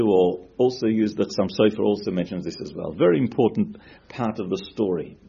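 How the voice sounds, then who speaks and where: A man's voice: medium pitch, darkish tone, husky, muffled recording. A man teaching a Torah class, asking questions and quoting Hebrew sources as he explains them.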